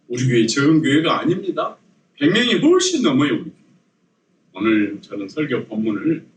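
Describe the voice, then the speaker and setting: A man preaching a sermon as pastor, telling a joke story and prompting the congregation to repeat after him. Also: fairly high pitch. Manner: lively storytelling with jokes and audience prompts. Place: church sanctuary. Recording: echoey church hall, mic at a distance.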